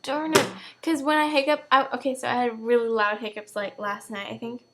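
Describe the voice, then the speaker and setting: A woman's voice: on the high side, a little fast, very noisy. A teenage girl with the hiccups, chatting casually and giggly to camera. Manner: giggly, hyper, exclaims loudly. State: has the hiccups. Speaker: vlogger.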